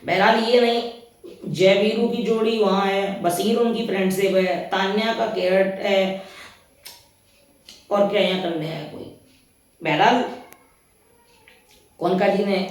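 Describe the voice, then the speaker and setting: A man's voice: high-pitched, fairly even intonation, unhurried, long pauses, distant mic. A man reviewing a reality TV episode in casual talk. He rambles and retells scenes in his own words, often resetting with "anyway.". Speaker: reality show commentator. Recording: very echoey room, voice off-mic.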